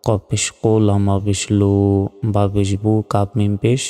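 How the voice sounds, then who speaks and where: A man teaches Quran reading, spelling each letter carefully before chanting the verse slowly. His voice is low, mellow and smooth. It echoes with a long reverb over faint music. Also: monotone. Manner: slow, careful letter-by-letter spelling with drawn-out recitation.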